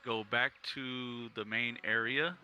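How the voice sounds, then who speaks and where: A man casually explaining game mechanics to a streamer in a relaxed way. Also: medium pitch, slow pace, slight background noise, low-quality recording. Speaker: co-player giving game advice. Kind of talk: casual chat.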